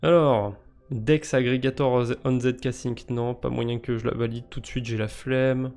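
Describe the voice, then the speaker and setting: A man's voice: mid-range voice, steady tone, unhurried, darkish tone, faint music behind. A man with a French accent streaming live, casually commenting on crypto quests, joking and mocking himself as he thinks aloud.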